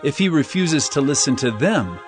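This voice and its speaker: An actor playing Jesus as an earnest, emphatic teacher of solemn parables in a dramatized scripture reading. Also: male voice, on the high side, lively intonation, moderate pace, music in the background, natural voice. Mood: solemn, admonishing.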